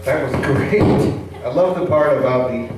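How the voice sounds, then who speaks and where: A man's voice: mid-range voice, measured pace. Man hosting in a noisy, echoey room. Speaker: open mic host. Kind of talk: casual, joking live hosting. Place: indoor open mic venue. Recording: echoey room, distant, loud noise, clicks.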